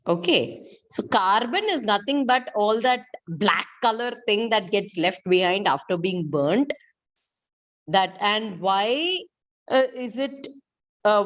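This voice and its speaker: Woman, middle-aged, Indian accent, chemistry teacher, interactive lesson, questioning manner, repeats key points. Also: medium pitch. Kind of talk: interactive online school lesson.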